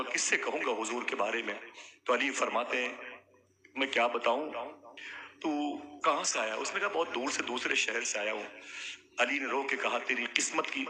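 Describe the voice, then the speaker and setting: Man preaching an emotional story to a crowd. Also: mid-range voice. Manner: acts out dialogue, rises to loud calls to the crowd. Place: gathering with a crowd. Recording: crowd audible behind the speaker.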